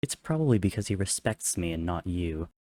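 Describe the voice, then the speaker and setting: A man's voice: sits low, expressive, a little fast, warm tone. A man voicing a dry, curt, arrogant young warrior tutor in a story reading. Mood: amused, curt.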